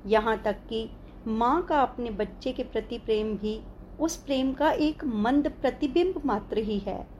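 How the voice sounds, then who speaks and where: Female memoir narrator, heartfelt and reflective, slow delivery, slightly high voice. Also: a little mellow, lo-fi sound, slight background noise. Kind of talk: first-person memoir narration.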